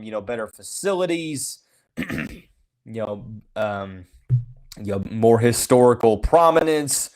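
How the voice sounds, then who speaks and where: Male sports podcast host, mid-pitch, casual and blunt, lots of fillers. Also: a little mellow, low-quality recording. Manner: heavy use of "you know" fillers and restarts; frank, opinionated, says he calls it as he sees it. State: has the hiccups. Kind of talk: casual sports talk monologue.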